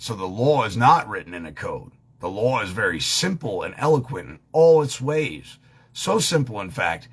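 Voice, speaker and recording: Man, husky low voice, heated ranting monologue, lots of swearing, repeats points. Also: a bit bright. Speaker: online commentator.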